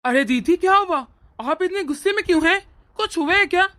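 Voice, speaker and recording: A woman's voice: very high-pitched, expressive, a bit bright. A woman voicing a hot-tempered young husband and doting brother in a cartoon. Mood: angry. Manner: earnest, quick to anger. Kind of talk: cartoon voice acting.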